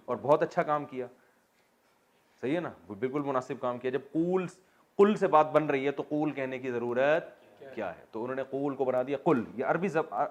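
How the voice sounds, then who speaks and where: A man gives a classroom lecture on religious texts at a medium pitch. He works through each word step by step. He asks the class questions and answers them himself. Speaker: religious teacher. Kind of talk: classroom lecture on Quran vocabulary and grammar.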